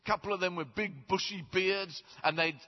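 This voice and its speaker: Guy doing a jittery nervous bloke at the pearly gates, high and babbly, big echoey church sound. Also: steady tone, a little fast, lightly acted. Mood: excited, indignant. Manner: flustered, babbling, eager to please. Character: nervous ordinary man pleading at heaven's gate. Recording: roomy church reverb, slightly dull.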